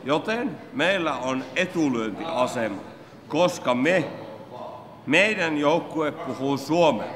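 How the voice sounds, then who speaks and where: A man's voice: fairly high pitch, lively intonation, big-room sound, a crowd in the background. A man joking and rambling with mock analysis while among hockey fans. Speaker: fan group member. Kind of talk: joking fan banter.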